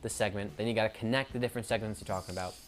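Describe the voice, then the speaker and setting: This male YouTuber has a lowish, steady voice and races through an off-the-cuff monologue to camera. He rambles, fixes his sentences partway through, and stutters occasionally.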